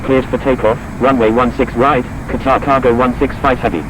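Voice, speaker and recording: A man's voice: medium pitch, level tone, fairly quick. A man giving formulaic, clipped aviation radio calls in a flight simulator. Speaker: radio voice in simulated air traffic. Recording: noisy simulated radio traffic.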